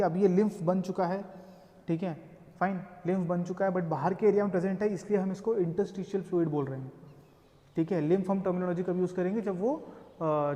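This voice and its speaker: A man's voice: sits high, mellow. A male lecturer explaining step by step and checking in often with his students. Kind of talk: code-mixed classroom lecture. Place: classroom. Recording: reverberant room.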